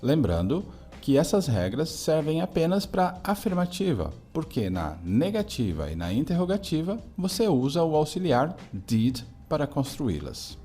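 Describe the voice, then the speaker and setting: A man from Brazil teaching an English lesson in a video, explaining grammar step by step and saying example sentences slowly. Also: a little high, very animated, warm tone, faint music behind.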